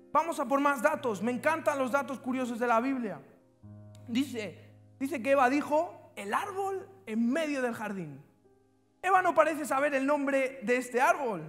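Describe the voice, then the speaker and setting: High-voiced preacher in echoing hall. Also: male voice, a bit bright. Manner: fervent, calls congregation to repeat lines. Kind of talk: sermon. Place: church hall. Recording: reverberant church hall with music.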